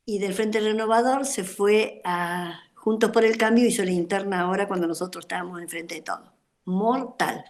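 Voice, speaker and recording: An older Argentine woman tells her story over a video call. She rambles and fills her pauses with many hesitations. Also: mid-range voice. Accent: Argentine Spanish. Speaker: guest speaker, former activist. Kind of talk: testimony in an online political talk.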